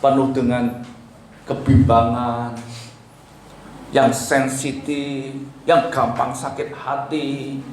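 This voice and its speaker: A man preaching a sermon, pleading and emphatic, swinging between loud and soft. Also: medium pitch, flat delivery, slow pace, pauses often. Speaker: pastor. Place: church hall. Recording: echoey church hall with faint noise.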